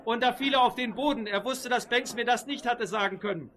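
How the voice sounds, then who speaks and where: A man's voice: very high voice, fairly quick, a bit bright. A man preaching a sermon, telling a story earnestly and often correcting himself mid-phrase. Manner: earnest narrating with frequent self-corrections.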